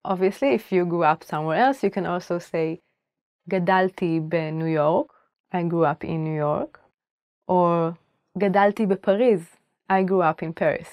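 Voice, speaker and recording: Clear, careful young woman teacher. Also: lowish voice, brisk, no echo, highs cut off. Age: 20s. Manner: clear, careful repetition of each phrase. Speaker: language teacher. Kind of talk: scripted language lesson to camera. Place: indoor studio, plain backdrop.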